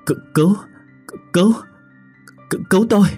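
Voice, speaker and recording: A man voicing a gentle, sad young wife who answers calmly in a storybook tale. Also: low-pitched, slow, husky, soft background music, full character voice. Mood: desperate. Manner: calm, softly reasoning.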